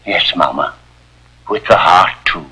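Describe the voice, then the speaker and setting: An actor playing a gentle, solemn parish priest who speaks in a measured, pious way, heard through the sound of a 1950s TV broadcast with a music bed. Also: male voice, low voice, slightly rough, heavily acted, rough recording. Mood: earnest.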